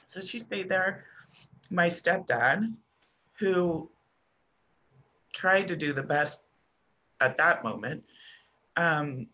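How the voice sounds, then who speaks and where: A middle-aged American woman telling a personal story as a podcast guest, halting and restarting often with soft trailing pauses. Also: deep voice, slightly rough. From United States.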